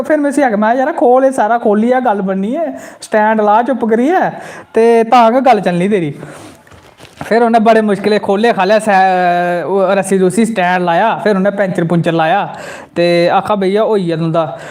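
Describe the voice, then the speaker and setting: A man with a Dogri accent from Jammu, telling a comic story on a live stream and reading out viewer comments. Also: extremely high pitch. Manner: animated storyteller, bursts into quoted voices. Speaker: comedy channel host.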